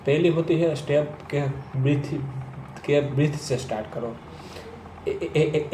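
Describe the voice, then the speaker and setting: A man coaching people who stammer. He stammers himself and repeats first sounds, speaking slowly and deliberately. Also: medium pitch, mellow, reverberant, slight background noise, poor audio. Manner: slow, deliberate delivery with long pauses. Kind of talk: instructional talk to camera.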